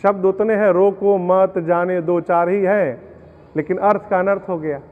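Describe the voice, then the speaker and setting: A man giving a devotional discourse, explaining verses everyday examples and chanting lines slowly. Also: high voice, fairly even intonation. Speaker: religious storyteller. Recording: tinny, narrow-band audio in a long-reverb hall.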